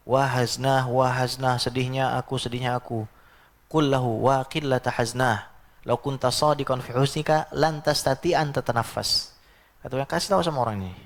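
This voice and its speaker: A man's voice: medium pitch, gravelly. A man preaching at a mosque lecture in a chatty way, often reciting Arabic verses and acting out other voices. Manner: conversational, quotes Arabic verses and acts out voices.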